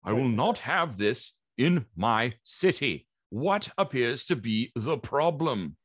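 A man's voice: medium pitch, sing-song, slow, no echo, clean studio sound, voice pushed up. A man voicing a stern guard sergeant who barks orders in a raised voice. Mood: commanding. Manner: barking orders.

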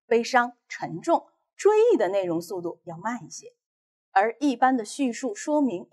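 A woman teacher from China giving a recorded online class, explaining reading techniques in a clear, measured way. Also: fairly high pitch, darkish tone.

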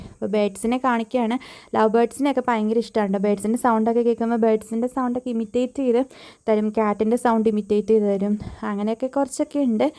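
A woman's voice: on the high side, darkish tone. A pregnant young woman narrating her day in a chatty vlog voice-over, full of fillers and asides. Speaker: vlogger.

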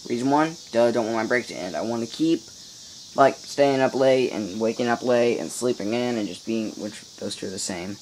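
Rambling to his viewers with playful mock outrage, a teenage boy records a casual video diary in his upstairs room at home. His mid-range voice is a little mellow and moves at a moderate pace. Picked up by a mic in a home room, the rough recording has slight background noise and faint chirping insects.

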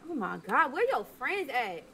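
A high, bright-voiced nagging mother played by a woman in an improvised game role-play. She scolds her teenage son with repetitive, foul-mouthed questions, over faint background noise. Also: very animated, moderate pace, full character voice. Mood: disgusted, scolding.

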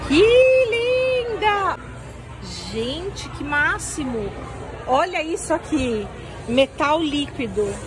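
Excited woman filming in a store. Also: high voice, extremely slow. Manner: enthusiastic, exclaiming at displays. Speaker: vlogger. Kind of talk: casual shopping vlog. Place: large indoor store. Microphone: handheld phone camera. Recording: busy store with music and crowd noise.

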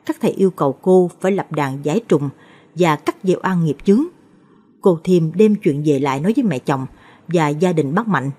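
A woman reads a ghost story aloud in steady, measured scripted narration. Her voice sits low and has a husky, breathy grain.

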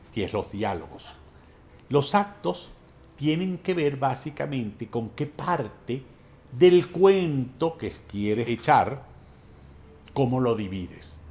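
Middle-aged drama teacher, unhurried and deliberate, lowish voice, punches new ideas. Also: male voice, a little mellow, slight background noise. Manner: measured, explanatory, stresses new points with rising emphasis. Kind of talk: master class lecture.

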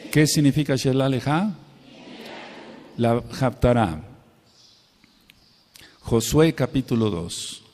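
A man's voice: mid-range voice, a little mellow. A middle-aged man, a pastor teaching a sermon and asking his congregation questions. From Mexico. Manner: preaching, asks the congregation questions. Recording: long reverb of a hall.

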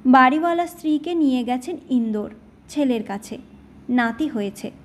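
A woman storyteller narrating a short story for an audiobook in a steady, measured reading. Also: sits high.

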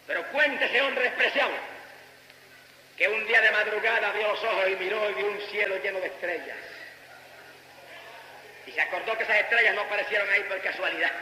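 Fervent Puerto Rican preacher, echoing hall. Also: male voice, high-pitched, a little hiss or hum. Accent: Puerto Rican Spanish. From Puerto Rico. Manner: impassioned, bursts into shouted praise between stretches of storytelling. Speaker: evangelist preacher. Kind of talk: fervent sermon. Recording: echoey hall with long reverb.

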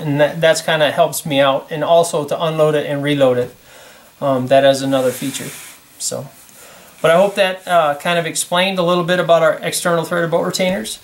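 A man giving a casual hands-on demonstration at a workshop bench, explaining how a fixture works in a relaxed, plain-spoken way with plenty of fillers. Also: fairly high pitch. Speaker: product demonstrator. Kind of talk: casual hands-on product demo.

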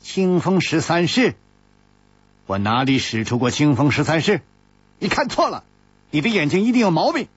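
A male storyteller voicing a proud, hot-tempered young swordswoman who shouts indignantly. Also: wildly swooping pitch, fast talker, pauses often, breathy edge, exaggerated voice. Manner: shrill and indignant. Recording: dull lo-fi audiobook recording.

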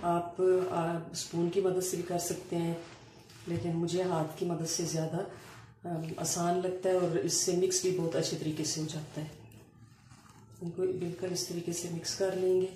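A woman explaining a home cooking recipe step by step, pausing often as she works in a kitchen. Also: lowish voice. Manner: calm step-by-step explaining with frequent hesitations. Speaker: cooking channel host. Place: home kitchen counter, indoors. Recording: echoey room with faint ambient noise.

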